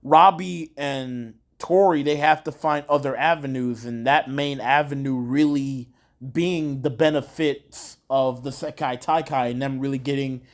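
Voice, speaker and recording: A man's voice: medium pitch, steady tone, unhurried. A man talking through his thoughts on a show in a casual, rambling way, with many fillers and restarts and some casual swearing. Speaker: show reviewer. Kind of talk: casual video review.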